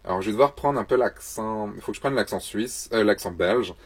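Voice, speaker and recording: A man with a slightly low, husky voice hosts a casual question-and-answer vlog about photography. He talks in a loose, chatty way and keeps slipping in self-mocking jokes. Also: fairly quick.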